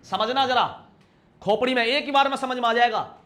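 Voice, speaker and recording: Young male tutor, high and bright, teasing exam-prep style, acts out examples. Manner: lively, teasing, asks students questions and answers himself; acts out little everyday scenes in quick shifts of voice. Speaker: teacher. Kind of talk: exam-prep grammar lesson.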